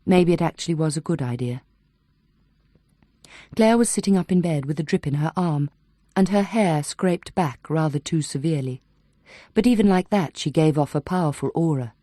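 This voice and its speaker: Audiobook narrator, woman, measured and even, low warm tone. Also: no echo, clean studio sound.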